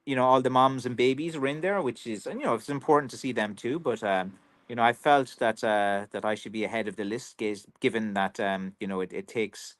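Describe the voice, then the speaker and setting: A man's voice: medium pitch, brisk. An Irish man who makes walking sticks for a living, chatting casually on a livestream, rambling with lots of fillers. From Ireland. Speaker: professional stick maker. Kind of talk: casual livestream chat reading viewer comments.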